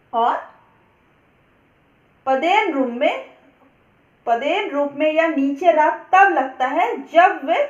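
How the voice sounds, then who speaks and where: A woman teacher explaining a grammar lesson step by step, slowly working through examples. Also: high voice, fairly bright tone. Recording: echoey, dull lo-fi room recording.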